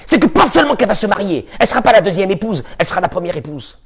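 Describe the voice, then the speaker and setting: A man who is a rabbi, giving a lively sermon, with sudden shouts and low asides. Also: rapid-fire, creaky, husky. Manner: animated, shifts between shouting and muttering.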